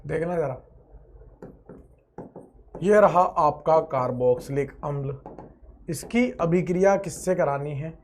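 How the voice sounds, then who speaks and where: A man teaching a chemistry lecture with energy and playfulness. He stretches out words, chants repeated phrases, and swings between loud outbursts and quiet asides. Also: on the high side, slow, long pauses, a little hiss or hum. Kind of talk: online exam-prep lecture.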